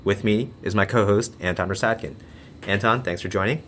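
A man's voice: lowish voice, fairly quick, a bit bright, slight background noise. A man hosting a podcast, reading scripted lines and interviewing people with some hesitant fillers. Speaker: podcast host.

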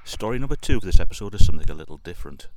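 A man hosting a podcast, telling local ghost history in a steady, informative way, recorded on a dictaphone out in an open field. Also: low-pitched, very fast, vocal fry, a little hiss or hum. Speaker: podcast host. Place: outdoors in a sunny field. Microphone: handheld dictaphone.

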